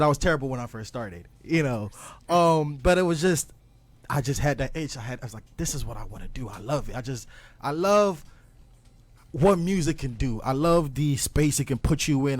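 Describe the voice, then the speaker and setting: A man's voice: mid-range voice, animated, normal speed, no room sound. Earnest, reflective young man from Ghana. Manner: earnest, reflective, many ums and restarts. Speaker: guest music producer. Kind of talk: casual interview chat.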